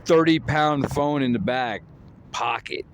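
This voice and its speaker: A man's voice: mid-range voice, unhurried, a little hiss or hum. A man giving a rambling, scolding comic rant as a vlogger. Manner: lecturing, scolding, repetitive.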